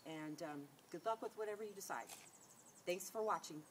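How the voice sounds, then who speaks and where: A middle-aged California woman who works as a beauty vlogger chats casually to a tripod-mounted camera outdoors against a sunlit wall, sounding nasal from a cold. Her voice sits on the low side at a moderate pace, and she rambles with lots of fillers and restarts, all in noisy outdoor camera audio.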